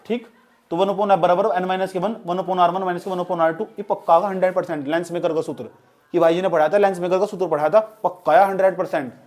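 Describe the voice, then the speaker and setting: A man's voice: high-pitched, steady tone, fast talker, a little mellow. A man teaching physics to a class in a casual, joking lecture style, often checking whether the students have understood.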